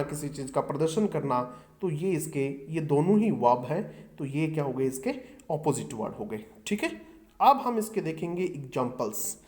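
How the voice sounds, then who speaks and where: In this exam vocabulary lesson, the middle-aged teacher's voice sits on the high side and is a little mellow. His habit is to question the class and then respond himself.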